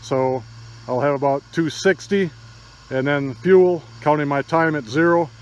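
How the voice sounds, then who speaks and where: Speaking at a measured pace with a fairly high pitch, an older Michigan man narrates a DIY hunting vlog on a muffled phone recording. He walks a rural field as he explains things matter-of-factly, with crickets and insects in the background.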